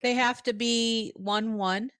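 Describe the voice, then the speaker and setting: A woman's voice: a little high, steady tone, slow pace, a bit bright, no echo, clean studio sound. A woman hosting a livestream in a chatty way, laughing often, heard through a headset mic. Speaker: livestream host. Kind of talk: casual livestream chat.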